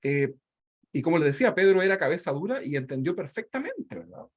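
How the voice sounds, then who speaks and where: High-voiced man teaching a Bible lesson. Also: very animated, a little fast. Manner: reads scripture aloud and breaks in with asides; ends phrases with a questioning tag. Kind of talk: online Bible study lesson.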